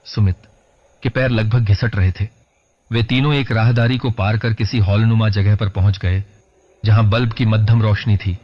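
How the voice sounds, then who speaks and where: A man narrates a horror story in a dramatic, measured way. His voice sits low. The recording is dull and lo-fi. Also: fairly even intonation.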